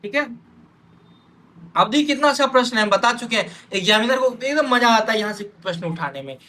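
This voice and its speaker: A man's voice: very high voice, lively intonation, fairly quick, pushed and bright, slight background noise. A man teaching an exam-prep lesson, talking straight to his students and checking in often with "theek hai". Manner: addresses students directly, pointing at notes.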